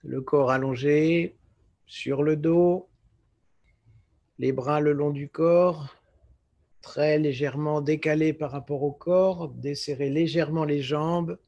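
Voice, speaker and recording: Guiding a relaxation meditation the way a yoga nidra teacher would, a man with a slightly high voice speaks very slowly and calmly. He gives short, measured phrases separated by pauses. His voice is creaky and the audio sounds dull.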